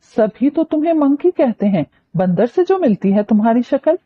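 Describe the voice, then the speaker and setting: A woman's voice: a little high, big pitch swings, normal speed, phone-quality sound, pitched above the performer's own voice. A woman reading a novel aloud, voicing a teasing, mischievous young man who mocks a girl. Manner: mocking, teasing.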